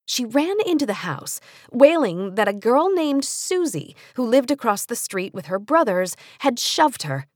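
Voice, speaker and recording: Slightly high-pitched, an American woman reads a nonfiction audiobook for young readers with measured pacing and careful articulation. She tells it expressively, like a story, close on a studio mic with no echo.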